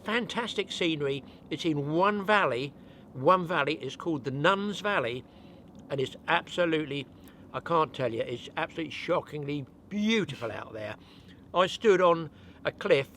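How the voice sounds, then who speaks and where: Older British host, chatty and self-mocking, voice sitting a bit high, easygoing outdoor vlog talk. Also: male voice, lively intonation, normal speed, a bit bright, a little hiss or hum. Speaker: channel host. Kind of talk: casual outdoor chat. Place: off-grid forest cabin.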